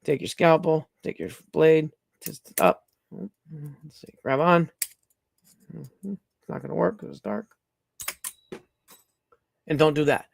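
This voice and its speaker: A man's voice: fairly high pitch, lively intonation, takes it slowly, gravelly, long pauses, no echo, clean studio sound. A middle-aged man hosting a casual livestream, talking bluntly, rambling and swearing freely as he demonstrates things. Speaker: livestream host.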